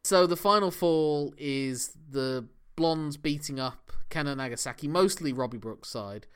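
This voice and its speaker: On a podcast, a male co-host dissects wrestling matches in a relaxed, analytical chat and laughs frequently. His voice is clean, a bit bright, a little high, and a little slow.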